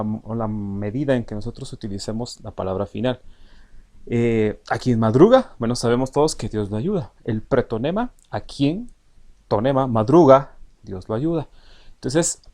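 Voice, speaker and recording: A man's voice: medium pitch, a little mellow. A male teacher giving a recorded online lecture, explaining step by step with frequent hesitant fillers and speaking directly to his students.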